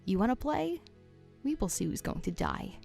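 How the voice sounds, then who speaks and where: A woman voicing a betrayed husband, a doctor plotting revenge, in an animated story; his speech is bitter and scheming. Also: mid-range voice, moderate pace, gravelly, soft background music. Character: betrayed husband, a sick doctor turned vengeful.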